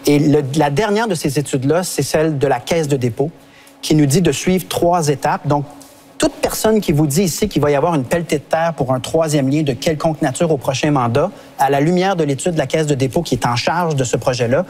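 Fast, insistent Quebec French male politician, slightly high voice. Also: darkish tone. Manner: insistent, talks over interruptions. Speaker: party leader in a debate. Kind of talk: televised political debate.

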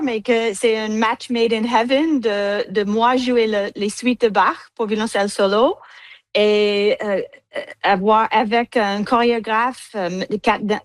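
Recorded dry, this slightly high female voice belongs to an American cellist with an English accent who is a guest speaking French. She gives interview answers haltingly, full of fillers, and keeps slipping into English.

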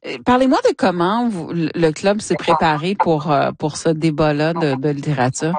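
A woman hosting an interview, asking engaged questions with some halting restarts. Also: deep voice, a little mellow, no room sound. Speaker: interviewer, host. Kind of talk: radio interview.

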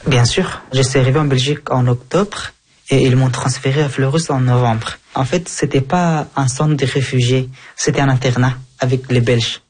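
A young man from Afghanistan talks calmly about his past in an interview. His voice is husky at a middle pitch, and his speech is careful, with fillers and frequent self-corrections. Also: normal speed. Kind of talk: calm personal account.

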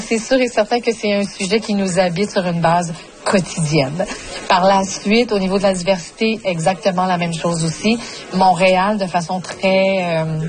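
A woman, a comedy festival programmer giving measured interview answers and leaning on stock phrases. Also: mid-range voice. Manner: measured, repeats set phrases.

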